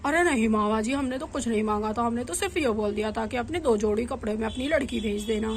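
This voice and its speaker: A woman's voice: fairly high pitch, quick pace, a little hiss or hum, close to an everyday voice. A woman voicing an earnest middle-aged village father explaining family matters in a doll storybook.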